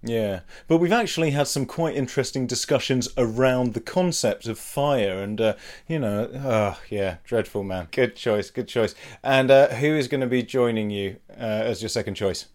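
A man's voice: mid-range voice, moderate pace, few pauses, a little mellow. A man hosting a podcast, chatting casually in a wry, rambling way and laughing often. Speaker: podcast host.

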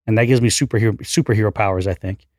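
A man's voice: lowish voice, racing, a little mellow, no room sound, clean studio sound. A man interview guest who speaks brashly and with great enthusiasm. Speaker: podcast guest, entrepreneur. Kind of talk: candid interview conversation.

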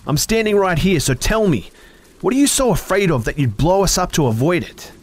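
A man voicing an angry, drunk young woman who yells and taunts. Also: lowish voice, animated, extremely slow, husky, pitched above the performer's own voice, exaggerated voice. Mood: taunting, yelling. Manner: yelling, taunting.

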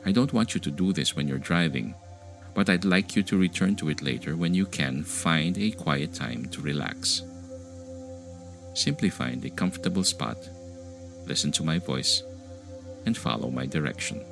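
Meditation guide, male: very low, gravelly voice, soothing sleep-story delivery, unhurried. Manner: unhurried, calming, gentle instruction. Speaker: meditation podcast host and guide. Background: music behind the voice.

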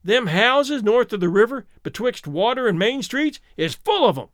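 A man's voice: extremely high pitch, very animated, normal speed, fairly bright tone, no room sound, clean studio sound, voice pushed up, full character voice. A man voicing a mad, terrified old townsman, ranting in rustic speech. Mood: urgent. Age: older. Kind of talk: audiobook character voice.

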